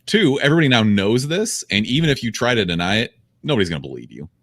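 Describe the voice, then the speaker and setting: A man's voice: medium pitch, very animated, fast talker, fairly bright tone, no room sound, studio quality. A young adult man co-hosting a casual comedy podcast, riffing sarcastically with some profanity. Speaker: podcast co-host.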